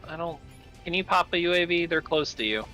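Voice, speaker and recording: A man streaming a game with friends, talking in an animated, playfully melodramatic way. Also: fairly high pitch, brisk, soft background music. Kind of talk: casual gaming chat.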